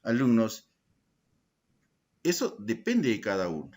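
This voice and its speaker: Slow-spoken male teacher explaining patiently. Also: fairly low pitch, wildly swooping pitch, a little mellow. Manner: slow, deliberate explaining, tag questions to students. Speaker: secondary school language teacher. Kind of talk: online class lesson.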